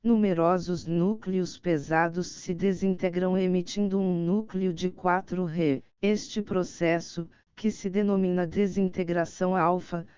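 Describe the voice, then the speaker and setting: A woman reading scripted audiobook narration in a measured, formal way. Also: on the low side, warm tone, clean tone, no echo, dull audio.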